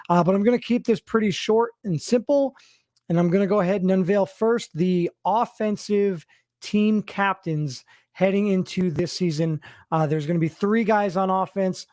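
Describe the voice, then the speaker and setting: Hosting as a sports team's general manager, a man makes an announcement to followers, deliberately stressing names and stats. His voice sits high and a little mellow, recorded with studio quality and no echo.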